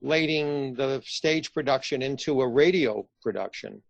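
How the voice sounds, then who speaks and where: A radio theatre company director conducts a casual interview, feeling his way through his questions in a hesitant, conversational style. He speaks at a moderate pace in a mid-range voice with vocal fry, and the audio is dull with no room sound.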